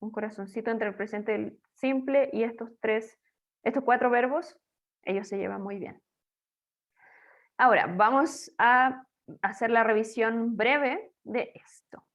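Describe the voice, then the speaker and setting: Woman teacher, fairly high voice, playful and chatty explainer, slightly dull lo-fi recording. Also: a little slow. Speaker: English teacher. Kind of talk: recorded online lesson.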